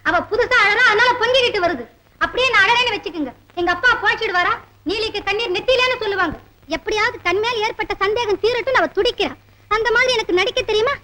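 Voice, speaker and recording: An actress playing a proud, quick-tempered young woman in an old film drama, sharp and indignant. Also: extremely high pitch, a little hiss or hum. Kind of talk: 1950s-60s film acting.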